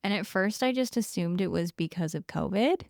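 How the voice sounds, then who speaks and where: Woman, podcast co-host, casual and wry, smooth gravelly tone. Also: medium pitch, lively intonation, darkish tone, no echo, studio quality. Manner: chatty, quick asides, wry.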